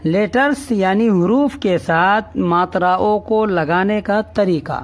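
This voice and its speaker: A man teaching a reading lesson, speaking slowly and patiently. He drills each syllable over and over and keeps checking that the learner follows. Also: high voice. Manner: slow, patient drilling, repeating each syllable three times; often asks "ٹھیک ہے؟" to check understanding. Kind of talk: classroom-style reading lesson.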